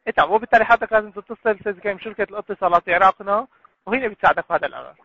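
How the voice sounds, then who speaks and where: A man's voice: sits high, rapid-fire, background noise. A man with a Syrian accent, heard over a phone line, working as a customer service agent and speaking with courteous, formal politeness. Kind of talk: polite phone support call. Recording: tinny dry phone line.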